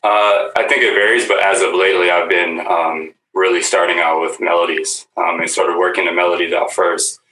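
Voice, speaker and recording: A man, a guest musician, talking slowly and haltingly with many fillers in a casual stream chat. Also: low-pitched, little pitch movement, sharp tone. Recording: roomy, distant mic with faint background noise.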